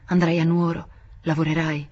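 A woman reading the part of a feverish, guilt-ridden young man in a hushed, pleading voice. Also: sits low, little pitch movement, moderate pace, slightly rough, dull audio. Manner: hushed, pleading, near-whispered.

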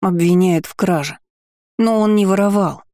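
A man's voice: high-pitched, steady tone, normal speed, dark tone, no room sound, clean studio sound, pitched above the performer's own voice, close to an everyday voice. A man voicing a frightened, ragged little boy who is crying and sniffling as he speaks. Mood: distressed.

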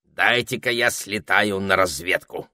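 A man's voice: sits low, a little slow, sharp tone, no echo, studio quality, heavily acted. A man voicing a bossy, fussy talking male parrot in an audiobook, with theatrical, indignant outbursts. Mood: brisk. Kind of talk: audiobook character voice.

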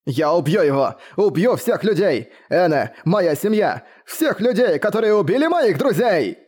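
A young hero screams out his rage and grief, as a male reader puts him on. The voice climbs high and the words come out slow and heavy. He sounds raw and out of control in this audiobook reading. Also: sing-song, a little mellow, exaggerated voice. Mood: raging. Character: enraged grieving young male with magic eyes.

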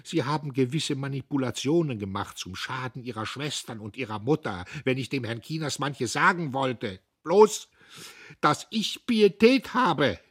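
A man voicing an old, bitter foreman who pleads and reproaches in a raised, shrill voice. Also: measured pace, breathy edge.

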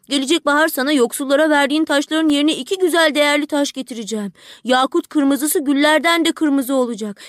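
A woman's voice: high-pitched, no echo, studio quality, pitched above the performer's own voice, lightly acted. A woman voicing a small, tender-hearted swallow in an audiobook, speaking in an earnest, pleading way. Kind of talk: audiobook character voice.

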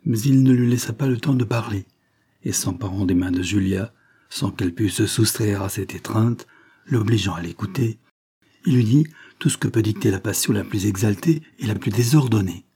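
Husky guy reading an old novel aloud, calm and measured, lowish voice. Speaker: audiobook narrator. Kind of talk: literary audiobook narration.

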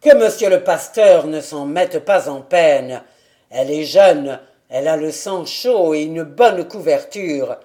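An audiobook reader voicing a stubborn old mountain grandfather who speaks in a gruff, defiant, loud way. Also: medium pitch, animated, slow. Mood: agitated. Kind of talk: audiobook character reading.

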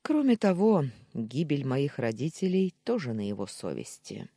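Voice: medium pitch, sing-song, moderate pace, mellow, dry recording, clean studio sound. A narrator voicing the hero, a brooding young man bent on revenge, speaking grimly.

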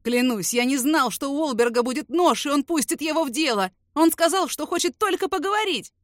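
A woman's voice: high-pitched, a little fast, no room sound, studio quality, pitched above the performer's own voice, close to an everyday voice. A woman voicing a cowardly young man who wails and pleads through tears. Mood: pleading. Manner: wailing, pleading, crying.

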